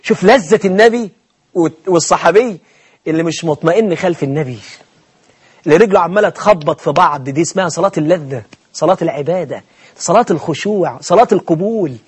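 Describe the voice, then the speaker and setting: Brief: animated Egyptian preacher, quick delivery, acts out humorous anecdotes. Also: male voice, a little high, slightly rough. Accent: Egyptian Arabic. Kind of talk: colloquial sermon.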